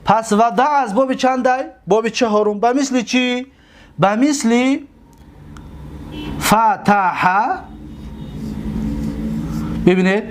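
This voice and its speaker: A man whose first language is Tajik, teaching Arabic verb forms, who repeats each word slowly and asks and answers his own questions. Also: extremely high pitch, noisy background. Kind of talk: classroom grammar lesson.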